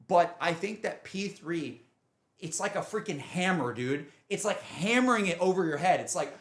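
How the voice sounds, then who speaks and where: This man, a game streamer, has a high, animated, fairly bright voice and speaks at normal speed. In casual livestream chat he reflects emotionally on games, earnest and emphatic, rambling and frequently looping back over his points.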